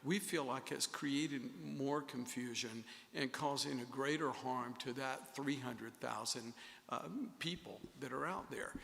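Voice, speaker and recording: Man, health official, gravelly, measured and hesitant, reverberant meeting room. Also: mid-range voice, fairly bright tone. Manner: measured, hesitant, many fillers. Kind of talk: formal meeting discussion.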